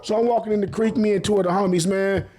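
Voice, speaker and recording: A man's voice: high voice, fairly even intonation, fast, dark tone. A man hosting a podcast, telling stories in casual street slang with plenty of profanity and frequent laughter. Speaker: podcast host. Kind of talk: casual storytelling.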